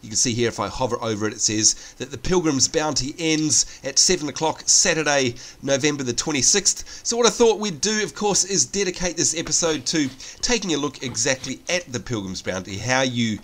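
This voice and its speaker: A man's voice: medium pitch, expressive, a little fast, hardly any pauses, a bit bright. Nasal, stuffed-up Australian man, pinched-nose sound. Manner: chatty, explanatory, addresses viewers directly. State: congested with hay fever. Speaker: let's play video host. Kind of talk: casual gameplay commentary.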